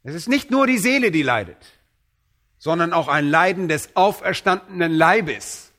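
Guy preaching a sermon, bit higher voice, slows way down and gets loud on the scripture bits. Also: lively intonation. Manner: emphatic, slows down and raises voice on quoted scripture.

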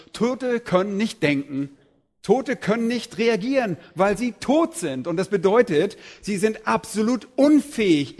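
A man's voice: a little high, darkish tone. A middle-aged man preaching a sermon, reading Bible passages aloud and then expounding them with emphatic rises.

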